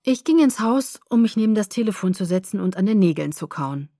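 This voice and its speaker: A woman narrating a first-person story in a calm, measured audiobook reading. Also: medium pitch, no echo, studio quality.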